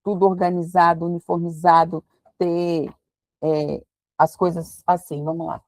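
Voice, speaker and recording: A woman's voice: lowish voice, flat delivery, measured pace, darkish tone, dry recording. Chatty woman teaching Bible study. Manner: chatty, thinks aloud while reading verses.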